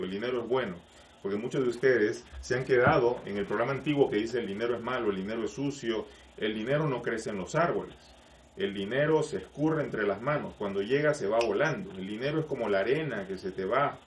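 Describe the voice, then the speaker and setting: A man, a life coach, giving a live-streamed talk to online viewers, explaining with rhetorical questions and greeting viewers by name. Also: mid-range voice. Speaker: life coach and spiritual teacher. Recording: echoey room, voice from a distance.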